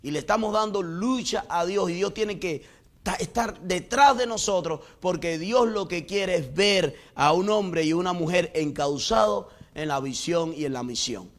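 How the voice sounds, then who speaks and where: A middle-aged male pastor preaching a sermon, telling a personal testimony and swinging between loud exclamations and hushed lows. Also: measured pace. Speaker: pastor and missionary.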